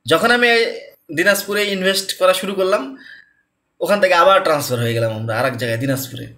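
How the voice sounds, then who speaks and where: A man's voice: sits high, fast, pushed and bright. A man from Bangladesh in his thirties, giving a casual, conversational personal talk that repeats its points and keeps asking the listener to agree. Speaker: lecturer.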